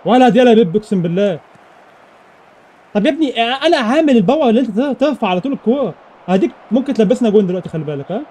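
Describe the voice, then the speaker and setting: A young man with an Egyptian Arabic accent giving excited live commentary over his own football video game matches, rattling off repeated exclamations. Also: very high voice, very fast. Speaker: gaming YouTuber.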